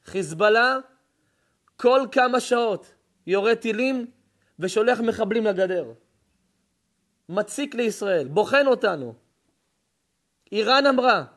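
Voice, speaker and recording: A high-voiced male rabbi preaching a Torah lesson. He tells stories with strong emotion, drops to near-whispers, then rises to fervent shouts. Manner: emotional storytelling, swings between hushed and shouting.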